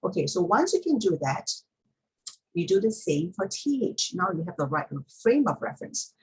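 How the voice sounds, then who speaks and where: A woman's voice: lowish voice, sing-song, normal speed, darkish tone, husky, low-quality recording. A woman teaching pronunciation step by step in an instructional talk, repeating key points for emphasis.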